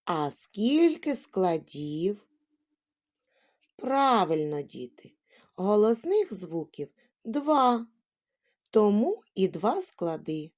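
A woman's voice: mid-range voice, sing-song, drawn-out words, long pauses, darkish tone. A woman teaching a lesson to small children in a sing-song, addressing manner.

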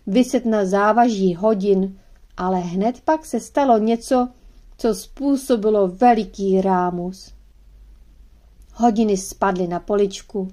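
Female narrator, slightly high voice, gentle measured read for kids' audiobook.

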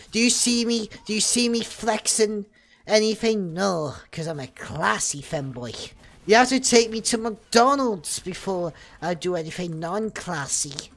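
Drunk young male streamer, slow and silly. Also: high-pitched. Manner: silly, rambling, playfully boastful; bursts into shouting during fights. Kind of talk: drunken gameplay chatter.

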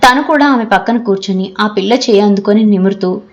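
A woman narrating a novel as an audiobook reader, in a measured, expressive storytelling manner. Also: medium pitch, lo-fi sound.

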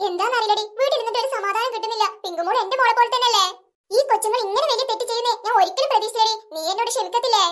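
A woman voicing a humble cartoon mother, talking in a soft, lower, apologetic way. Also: racing. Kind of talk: cartoon voice acting.

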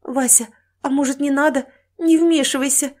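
A woman's voice: fairly high pitch, flat delivery, normal speed, pitched above the performer's own voice, close to an everyday voice. A woman narrator voicing a kind, fearful older countrywoman who frets and weeps in an audiobook. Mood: frightened. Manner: fretting, tearful exclamations.

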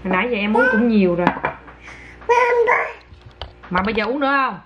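Loud music sits behind this woman's medium-pitched, brisk voice as she talks indoors at home with her toddler and her audience. She's a mother and vlogger, playful and coaxing, laughing frequently, captured on dull, faintly noisy lo-fi home video.

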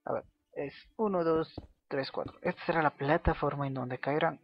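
A man's voice: a little high, no echo. Chatty man muttering over gameplay. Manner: chatty, mutters and repeats words rapidly while playing. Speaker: gaming video host. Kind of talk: casual gameplay commentary. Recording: slightly dull lo-fi audio with faint music.

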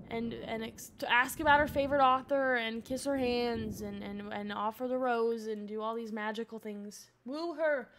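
A woman's voice: a little high, a little hiss or hum. A young woman streaming a life-sim game from home, chatting casually with her viewers and reacting as she plays. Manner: chatty and excitable, reading chat aloud. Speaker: Twitch streamer. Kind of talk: casual gameplay streaming chat.

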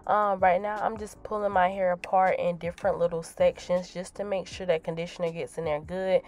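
A young woman who sounds under the weather, chatting casually and informally to the camera in a hair tutorial. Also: on the low side. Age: young adult. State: sick, with an affected voice. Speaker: natural hair vlogger. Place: small tiled home bathroom, indoors. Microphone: camera mic a short distance away. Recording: echoey bathroom, distant mic, music behind.

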